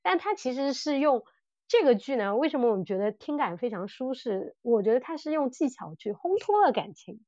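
Very animated and brisk, this co-host talks about audio dramas in a high-pitched, warm voice on a dry recording with the highs cut off. Her casual podcast discussion circles back with repeated phrases as she works through her thoughts.

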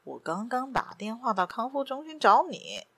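Woman doing a smooth polite banker. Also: on the high side, very animated, normal speed, heavily acted. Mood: polite calm. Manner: soft, courteous, unruffled. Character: calm, polite middle-aged male banker.

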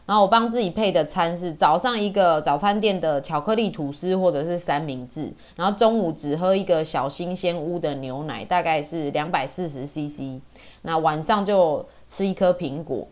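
A woman's voice: low-pitched, normal speed, darkish tone. A woman in her forties from Taiwan with a Taiwanese Mandarin accent, telling personal stories as a podcast host in a chatty, colloquial way. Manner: chatty, colloquial, with sentence-final particles. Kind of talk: casual personal storytelling.

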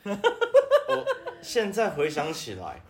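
A man with a Taiwanese Mandarin accent joins crude podcast banter, mocking himself and swearing freely. His voice leaps wildly from high to low and sits a little high for a man. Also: huge pitch swings, slow. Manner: self-mocking, swears a lot. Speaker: podcast co-host.

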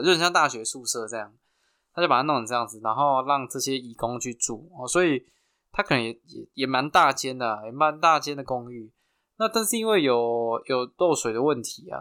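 Bright, chatty Taiwanese-accented man. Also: medium pitch, clean tone. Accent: Taiwanese Mandarin. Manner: chatty, halting with frequent restarts and fillers, laughs at his own stories. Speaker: podcast host. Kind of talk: casual storytelling.

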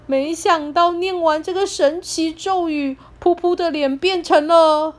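A woman narrating a children's story in an animated, sing-song way. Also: very high voice, unhurried.

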